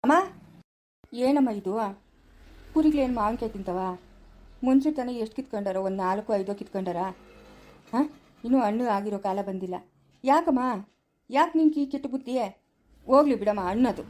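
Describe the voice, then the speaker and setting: Calm village guy trying to make peace, talks fast, warm low-key tone, woman playing him. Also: natural voice. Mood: reasoning. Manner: soothing, reasoning, patient. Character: kind 45-year-old village man, calm peacemaker. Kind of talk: village family short drama.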